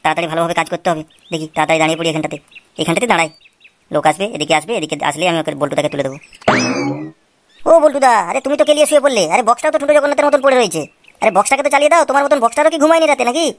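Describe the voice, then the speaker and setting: A woman's voice: medium pitch, very fast, lightly acted. A woman voicing an eager young schoolboy in a cartoon, talking to himself in a rush.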